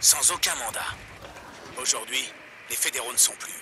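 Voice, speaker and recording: An actor playing a defiant, conspiracy-minded pirate radio broadcaster in a video game, preaching in a folksy monologue. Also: male voice, medium pitch, moderate pace, background noise, natural voice. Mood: preachy, conspiratorial. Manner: preachy, anti-government, folksy.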